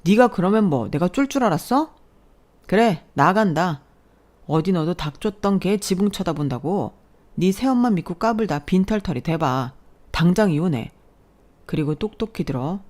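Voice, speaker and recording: A woman's voice: fairly low pitch, animated, normal speed, darkish tone, lightly acted. A woman voicing an arrogant, hot-tempered husband who sneers and threatens in a story reading. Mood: contemptuous.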